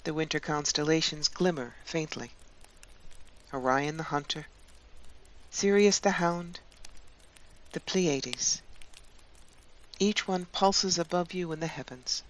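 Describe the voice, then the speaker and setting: A woman hosting her channel and leading a guided meditation in a calm, soothing voice. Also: sits low. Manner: slow, calm, soothing delivery with long pauses.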